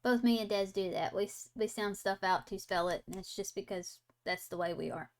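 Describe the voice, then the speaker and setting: A woman's voice: mid-range voice, a little fast. A young woman hosting a casual livestream, chatting with viewers and reading trivia aloud before riffing on it. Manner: chatty, reads trivia aloud then riffs on it, sounds words out. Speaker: livestream host.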